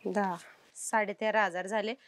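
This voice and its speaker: A woman in a comedy sketch, calming her friends and taking charge of the group. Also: mid-range voice, measured pace. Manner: soothing, takes charge of the group.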